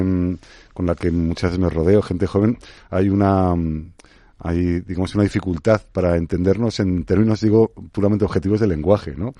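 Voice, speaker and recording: A man in his sixties with a Spain Spanish accent, speaking as a guest on a radio interview. His voice sits very low and mellow, recorded close and dry in the studio. He reflects aloud, pausing and restarting as he weighs his points. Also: no room sound. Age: 60s. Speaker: guest, advertising expert.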